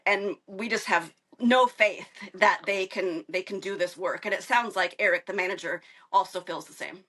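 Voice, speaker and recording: A woman's voice: medium pitch, bright, forceful tone. A woman giving an earnest testimonial as an RV owner, worried and strained. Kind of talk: testimonial to camera.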